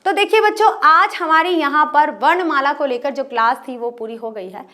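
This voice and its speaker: A woman teacher who explains step by step, repeats letters slowly and asks her pupils questions. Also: high voice, bright, forceful tone. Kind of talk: online class lesson.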